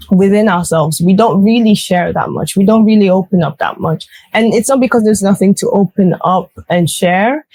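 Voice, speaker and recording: Woman podcast host, thoughtful and earnest, dead dry close mic, middle pitch. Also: dark tone, no echo, poor audio. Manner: thoughtful, earnest, with many likes and restarts. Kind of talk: reflective conversational chat.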